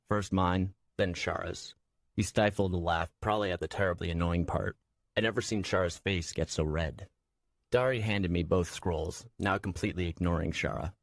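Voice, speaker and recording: Brief: deep male voice reading a fantasy novel in first person, steady and measured, dry close-mic sound. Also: no echo. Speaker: audiobook narrator. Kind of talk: scripted first-person narration.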